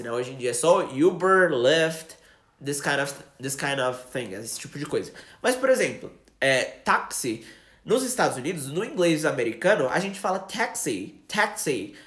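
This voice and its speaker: A man with a Brazilian Portuguese accent teaching English in a casual live lesson, chatty, slowing down for example sentences. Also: high-pitched, echoey room.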